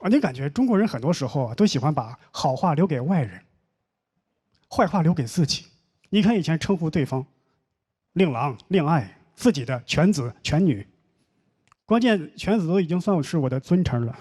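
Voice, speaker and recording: A young man doing a stand-up comedy set on stage, telling stories with deadpan mock complaints. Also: a little high, normal speed, slightly rough. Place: comedy stage with live audience. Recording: noisy live show audio.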